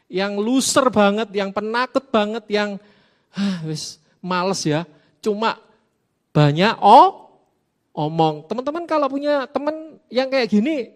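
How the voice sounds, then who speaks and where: A man preaching a casual youth sermon in a church, lively and full of questions to the audience. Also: high-pitched, takes it slowly, pauses often. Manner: lively, asks the audience questions, playful asides. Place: church hall.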